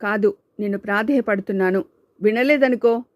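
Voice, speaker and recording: A loyal young male student speaks firmly and sternly, as a woman voices him in an audiobook. Her voice is dark and mellow. The recording is dry. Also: medium pitch, moderate pace, no echo, lightly acted. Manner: firm, stern. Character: firm protective young male student friend. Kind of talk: audiobook character voice.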